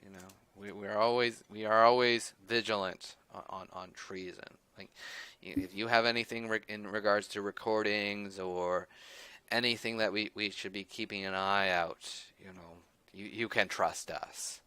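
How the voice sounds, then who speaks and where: A man voicing an officious Indigo officer who debriefs a player, talking in halting starts and restarts. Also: on the low side, steady tone, pushed and bright, clean tone, no echo. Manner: halting, full of restarts and fillers.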